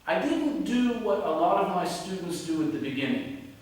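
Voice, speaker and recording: A male teacher explains test tips directly and with animation, voice pitched a little high. He stands away from the mic in a very echoey room with a long reverb and faint hiss. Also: normal speed, recorded from a distance. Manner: animated, direct, exaggerates intonation when demonstrating. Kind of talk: teaching lesson to camera.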